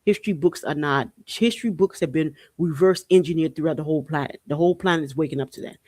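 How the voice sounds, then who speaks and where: A Haitian woman hosts a podcast, delivering an informal spiritual and political monologue that is emphatic, repetitive and full of rhetorical questions. Her voice is low and darkish and she talks quickly. The studio-quality recording has no echo.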